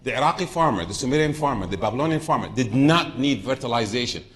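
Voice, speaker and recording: On a conference panel, a middle-aged man from southern Iraq speaks in a mid-range voice that's expressive, quick, and a bit bright. Without a script, he wanders from the topic and keeps restarting sentences.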